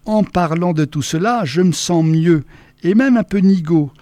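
A man giving a measured, expressive first-person reading of a novel as an audiobook narrator. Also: high voice, dry recording.

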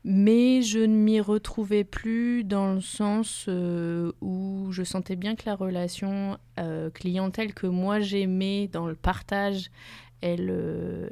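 Gravelly-voiced woman, hesitant guest. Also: mid-range voice, mellow, no room sound. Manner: hesitant, many fillers and restarts. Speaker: interview guest. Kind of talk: radio interview conversation.

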